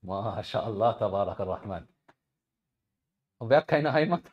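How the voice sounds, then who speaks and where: A man in his thirties giving a lively sermon on a headset mic, swinging between loud bursts and quiet asides. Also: fairly low pitch, moderate pace, slightly rough, highs cut off. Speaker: preacher.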